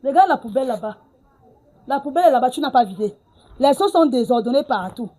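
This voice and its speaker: A woman's voice: sits high, lively intonation, a little fast, mellow. An actress playing a middle-aged mother who scolds her daughter, repeating herself with "hein" and "ah bon". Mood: scolding. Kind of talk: film drama acting.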